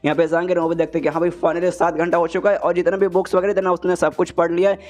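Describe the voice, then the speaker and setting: A man's voice: high voice, level tone, very fast, darkish tone. A man narrating a comic recap casually, slangy and chatty, peppered with filler words. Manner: slangy, keeps saying "bhai" and "na".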